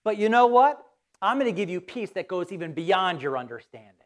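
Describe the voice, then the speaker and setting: A woman's voice: medium pitch, big pitch swings, brisk. A woman pastor giving a conversational sermon, asking her listeners questions and acting out quoted voices. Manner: conversational, asks the audience questions.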